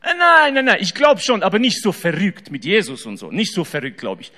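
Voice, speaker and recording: A man's voice: on the high side, sing-song, fairly quick, a bit bright. A man voicing a flustered taxi driver who backpedals in a hasty, defensive way, in a reverberant hall.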